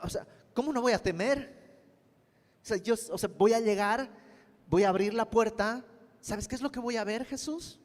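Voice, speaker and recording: A frantic father begs in a high, strained voice, as a preacher acts him out during a Bible study. His urgent questions climb upward and trail into a long hall echo. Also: moderate pace, lightly acted. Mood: pleading. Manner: pleading, urgent, pitch rising in questions. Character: desperate father pleading, grown man.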